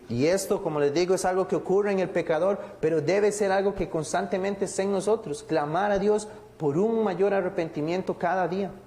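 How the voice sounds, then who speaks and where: A male preacher delivers a sermon with a somewhat high yet warm, mellow voice. He speaks deliberately, poses rhetorical questions and slows down when reading scripture. His voice rings with the long reverb of a church hall.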